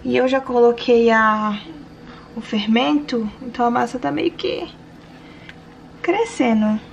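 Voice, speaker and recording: A young woman vlogging casually at home, chatting and talking softly to her new baby. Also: on the high side, slow pace, creaky, lo-fi sound, slight background noise. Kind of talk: casual home vlog chat. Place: home kitchen.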